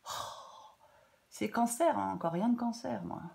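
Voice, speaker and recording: Casting: female tarot reader, stuffy-nosed with a cold, informal and halting, breaking off into chatty asides. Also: on the high side, gravelly, dark tone. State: congested blocked nose from a cold. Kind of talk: casual off-the-cuff tarot guidance.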